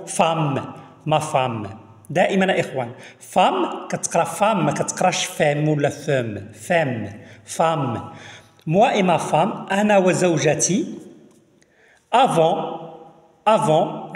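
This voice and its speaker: A man with a Moroccan Arabic accent teaching French. He reads the words slowly, repeats them and explains each one to his listeners. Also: high-pitched. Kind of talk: language lesson explaining in Arabic. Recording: echoey room with long reverb.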